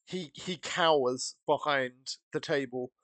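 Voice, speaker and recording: A man narrating a tabletop game as game master, improvising in a halting, casual way. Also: on the high side, a bit bright, dry recording.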